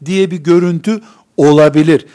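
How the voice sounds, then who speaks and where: A man's voice: on the high side, fairly even intonation, moderate pace, mellow. A man preaching a sermon in an emphatic, rhetorical way, acting out the voices of the believers he describes.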